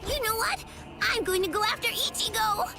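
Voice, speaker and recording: A woman voicing an affectionate, excitable little girl with a childish, babbling way of talking in an anime game dub. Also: very high-pitched, moderate pace, music in the background. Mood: eager excitement.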